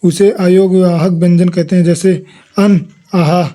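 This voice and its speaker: Slow, flat-voiced man teaching. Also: sits high. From India. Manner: reads notes aloud, listing letters one by one. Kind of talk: exam revision lesson.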